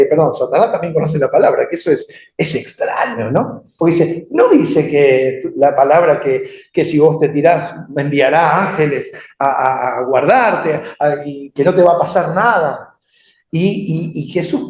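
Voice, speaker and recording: A man preaching in a Rioplatense Spanish accent, his voice sitting a bit high. He talks in a loose, conversational way and keeps asking his listeners questions. The room around him is echoey. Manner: conversational, animated, asks the congregation questions. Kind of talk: sermon.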